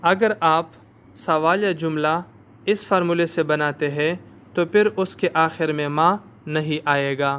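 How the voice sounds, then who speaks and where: A man whose first language is Urdu, teaching a language lesson and drilling words slowly one at a time for the listener to repeat. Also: a little high, fairly even intonation, fairly bright tone, slight background noise. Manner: slow, careful word-by-word pronunciation drills. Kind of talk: slow spoken lesson with repeat-after-me drills.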